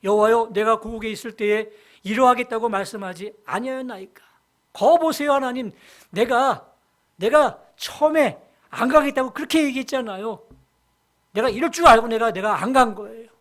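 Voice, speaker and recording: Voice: mid-range voice, moderate pace, fairly bright tone, voice pushed up, natural voice. A pastor voicing the prophet Jonah as an indignant man arguing back at God, acted out as a quote within a sermon. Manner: complaining, raised voice.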